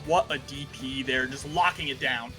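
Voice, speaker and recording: A man's voice: medium pitch, normal speed, rough recording. A man giving live play-by-play of a fighting game match in jargon-heavy, move-by-move calls, with game music behind. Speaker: tournament commentator. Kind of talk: play-by-play esports commentary.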